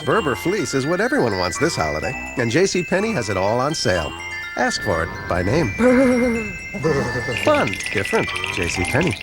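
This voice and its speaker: A woman's voice: very deep voice, huge pitch swings, a little fast. A woman announcer reading an upbeat retail commercial in a chipper, punchy way. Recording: loud music bed with chimes. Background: loud music, chimes.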